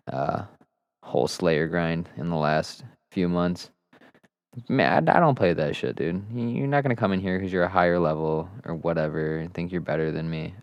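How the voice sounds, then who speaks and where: A man's voice: low-pitched, dry recording, studio quality. A man talking casually over his gameplay footage, laid-back and rambling, swearing freely as he recounts his game. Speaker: gaming channel host.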